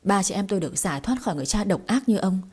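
A woman's voice: mid-range voice, animated, darkish tone, breathy edge. A woman voicing a fierce, defiant young sister. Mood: defiant fury. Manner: fierce, accusing, rapid.

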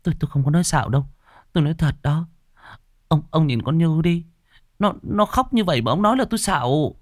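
A man's voice: fairly high pitch, lively intonation, fast talker, dry recording, clean studio sound, pitched above the performer's own voice, lightly acted. A man putting on a stammering frightened young woman. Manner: stammering, pleading.

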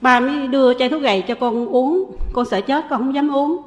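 A middle-aged woman with a southern Vietnamese accent, earnestly confessing her past in a halting way with frequent pauses. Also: high voice, big-room sound. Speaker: testifying lay Buddhist. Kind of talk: personal confession.

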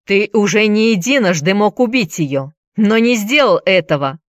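A woman voicing a desperate young man who shouts urgent, defiant demands. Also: mid-range voice, animated, a little slow, dry recording, clean studio sound, voice pushed up, lightly acted. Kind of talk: audiobook character reading.

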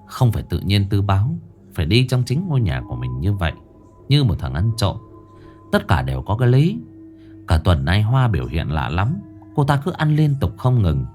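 A male storyteller narrates a horror tale in a low voice. His delivery is animated and dramatic, with a wide, swinging pitch. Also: normal speed, faint music behind. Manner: lively, dramatic reading.

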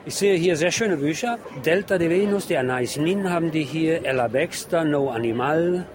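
A man with a slightly high voice works as a radio reporter, speaking at a normal pace in an unscripted field report. Standing outdoors among book stalls on a busy city street, he describes what he sees and reads out titles. Street crowd noise fills the background of the recording.

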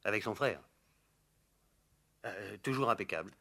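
A sly, gossipy old-radio-play servant. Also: male voice, lowish voice, lively intonation, measured pace, vocal fry, pushed and bright, full character voice. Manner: hesitant, full of fillers, then eager to tattle. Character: gossipy, sly middle-aged male household servant.

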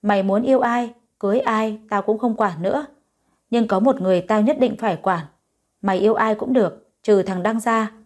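A woman's voice: mid-range voice, moderate pace, a little mellow, lightly acted. A woman voicing an angry, domineering middle-aged father in an audio story, giving harsh commands. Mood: furious.

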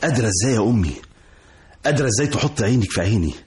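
A man's voice: lowish voice, animated, rapid-fire, darkish tone, natural voice. An actor with an Egyptian accent playing a young man defying his mother in a radio drama, speaking in an earnest, reproachful way.

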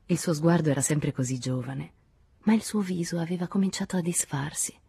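A woman reading a literary novel aloud as an audiobook, quiet and intimate, often sinking to a whisper. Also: low-pitched, a little fast, husky. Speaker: audiobook reader.

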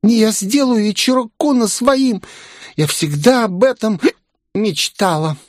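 A man's voice: high voice, slow pace, no echo, clean studio sound, pitched above the performer's own voice. A man voicing a tipsy, clingy young aristocrat girl in an audiobook, pouty and drunkenly affectionate. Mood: clingy, playful. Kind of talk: audiobook character voice.

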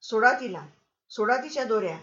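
A woman's voice: a little high, normal speed, natural voice. A woman reading the part of a generous male town president who speaks firmly and with authority. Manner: firm, commanding. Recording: roomy, slightly dull recording.

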